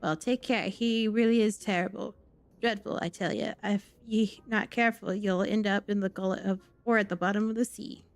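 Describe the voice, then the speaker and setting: A woman voicing a boastful, cowardly male sailor with a rough pirate-like drawl, reading game dialogue aloud. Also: mid-range voice, steady tone, moderate pace, natural voice. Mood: fretful. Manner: bragging, then babbling in panic.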